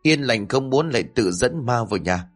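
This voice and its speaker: A man voicing a gruff, hot-tempered old grandfather in a spoken ghost story. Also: mid-range voice, lively intonation, moderate pace, lightly acted. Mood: scolding.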